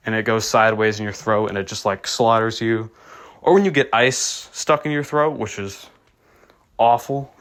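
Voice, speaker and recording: A young male vlogger with a nasal voice rants casually through self-mocking childhood stories, with plenty of restarts and fillers. His voice is medium-pitched and fairly bright.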